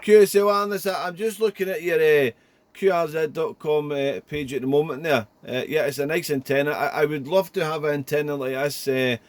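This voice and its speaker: Talking in a loose, repetitive ham-radio ramble, this man keeps tacking "there" onto the ends of his phrases. His voice sits on the high side, steady in tone and fairly quick, recorded dry in a small indoor radio room at home.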